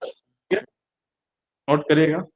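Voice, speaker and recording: A male lecturer giving a classroom lecture, repeating key terms slowly and asking and answering his own questions. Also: a little high, huge pitch swings, vocal fry. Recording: dull lo-fi recording.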